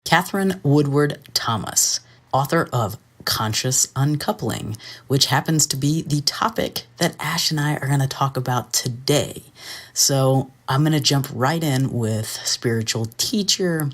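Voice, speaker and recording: A woman hosting a podcast in easy casual chat, playful and quick to laugh. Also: very deep voice, lively intonation. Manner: playful, laughs often, breezy. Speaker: podcast host.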